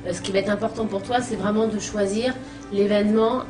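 A woman's voice: medium pitch, fairly quick. A woman in her thirties from an event company, giving casual advice in a small office, talking with many hesitations. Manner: relaxed, hesitant with many fillers. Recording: roomy, distant mic, background music.

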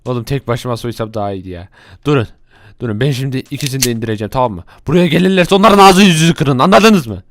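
A man's voice: mid-range voice, lively intonation. A man voicing a brash, bossy male thief gang leader in a Minecraft role-play, ordering his crew around and snapping at them. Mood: exasperated. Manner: bossy, quick-tempered, yelling at his crew.

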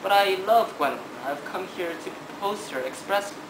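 Higher-voiced young gentleman acted by a teenage boy. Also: expressive, a little fast. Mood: eager. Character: lovestruck, breezy young gentleman, easily indignant. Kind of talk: amateur stage-play acting for a student project. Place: large living room, indoors. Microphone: camera a few metres away. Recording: echoey, noisy room from camera distance.

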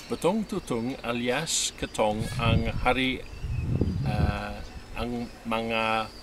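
A British man chatting casually and haltingly trying tongue twisters, repeating unfamiliar words. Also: medium pitch. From United Kingdom. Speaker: husband co-hosting a couple's vlog. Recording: noisy home-video recording, loud background noise.

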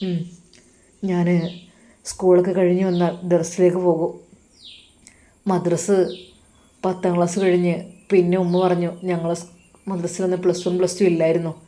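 A loving young husband, as a woman storyteller voices him, soft and coaxing. His words come low and quiet, full of remorse, with none of the wife's high pitch. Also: flat delivery, normal speed, long pauses, lightly acted. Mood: remorseful.

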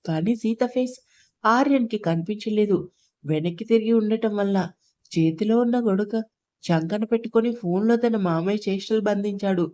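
A woman's voice: mid-range voice, moderate pace, a little mellow, no echo. A woman narrating a romance story, reading the characters' lines in her own voice with little change.

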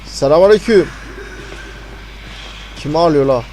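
A man's voice: fairly high pitch, a little slow, slight background noise, low-quality recording. Panicky swearing gamer guy. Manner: panicky, swearing, mutters prayers, drops to hushed tones. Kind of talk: horror gameplay commentary.

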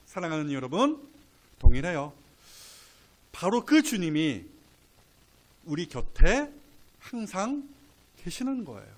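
A male pastor preaching a sermon, swinging between soft, casual asides and loud, drawn-out emphatic lines. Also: high voice, wildly swooping pitch. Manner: colloquial, playful asides.

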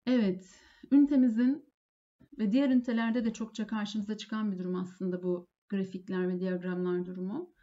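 A woman English teacher giving a lesson, saying each phrase slowly and then translating it. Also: mid-range voice, fairly even intonation, dark tone, lo-fi sound. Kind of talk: lesson explaining phone phrases.

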